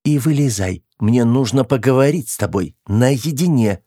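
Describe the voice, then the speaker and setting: Male reader as stern young woman, commanding and mocking; pitched well above his own voice, dry. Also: animated, moderate pace, dark tone, husky, no room sound. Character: stern, bossy young woman crew member.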